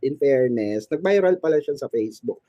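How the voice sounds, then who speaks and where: A man's voice: mid-range voice, animated, brisk, mellow, no echo, muffled recording. A man hosting a fan channel, chatting about showbiz in a gossipy, teasing way and laughing often. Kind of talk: casual showbiz commentary.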